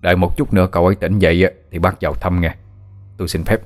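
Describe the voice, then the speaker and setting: Weary older doctor, as a male narrator plays him, low calm voice, reassuring. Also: fast, faint music behind, lightly acted.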